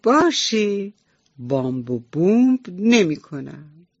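A woman voicing a big, gentle thunder cloud in a radio bedtime story, speaking slowly and drawn out. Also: fairly low pitch, sing-song, husky, no room sound, full character voice. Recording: slightly dull radio recording.

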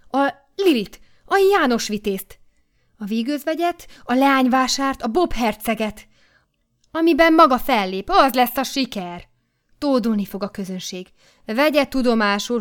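A woman reading an audiobook voices an excitable male editor who exclaims emphatically and gushes with praise. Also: fairly high pitch, natural voice. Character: excitable middle-aged male editor, effusive. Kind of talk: audiobook character voice.

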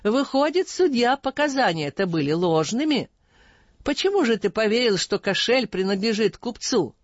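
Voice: mid-range voice, sing-song, moderate pace, no room sound, lo-fi sound, pitched above the performer's own voice. A reader voicing a stern, just older caliph who questions sharply, in an audiobook. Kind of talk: audiobook reading.

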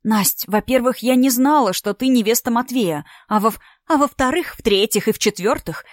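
A woman's voice: fairly high pitch, normal speed, dry recording, studio quality, voice pushed up, lightly acted. A woman reading a storybook part, voicing a tired, defensive single mother in her thirties. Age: 30s. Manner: defensive, exasperated.

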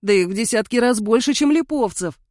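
A woman's voice: on the high side, animated, fairly quick, a little mellow, dry recording, voice pushed up, lightly acted. Sex: man, read by a woman. Figure: anxious secretary in an audiobook. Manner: fretful, complaining. Sound: dry. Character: fussy young male secretary, anxious.

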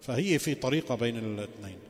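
A man's voice: mid-range voice, lively intonation, quick pace. A man giving a religious lecture as a sheikh. He poses rhetorical questions and moves between formal phrasing and colloquial asides. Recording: long reverberant hall.

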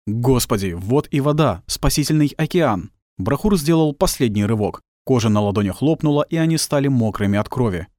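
A man narrating an audiobook in a tense, expressive storytelling manner. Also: medium pitch, a little fast, no room sound. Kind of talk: dramatic scripted narration. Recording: dry close studio sound.

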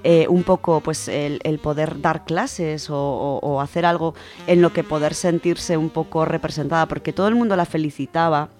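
She speaks at a moderate, steady pace in a low, slightly mellow voice, her Spanish accent clear as she enthusiastically discusses books as a radio contributor. Music sits beneath her speech throughout.

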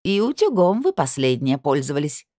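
A woman's voice: sits low, sing-song, moderate pace, mellow, dry recording, clean studio sound. A woman reading an audiobook, voicing a nosy woman questioning everyone like a detective. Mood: probing. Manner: probing, mysterious. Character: nosy woman Belokon, suspicious amateur sleuth.

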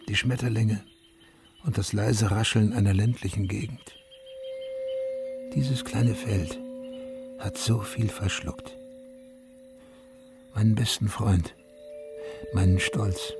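In a radio drama, an actor voices a haunted middle-aged veteran and father recounting his own story in literary first-person narration. His husky, fairly low voice stays subdued, measured and reflective.

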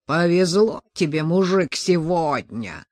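A woman voicing a surly young man, a brawler who mutters hoarse, low threats. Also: animated, slow, darkish tone, no room sound, studio quality. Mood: grumbling.

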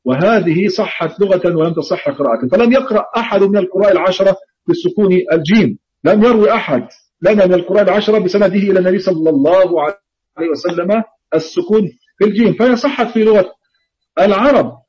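A man's voice: sits high, quick pace, a little mellow, husky, highs cut off. A man teaching Quran recitation in an online lesson, explaining patiently, repeating key words and intoning example readings.

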